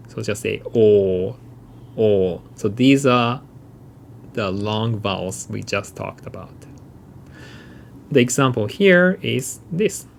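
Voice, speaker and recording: Male language teacher, unhurried delivery, gravelly edge, patient repeated examples. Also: fairly low pitch, slight background noise. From Japan. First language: Japanese. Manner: explains patiently, repeating and drawing out example sounds. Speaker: Japanese language instructor. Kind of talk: recorded mini-lecture.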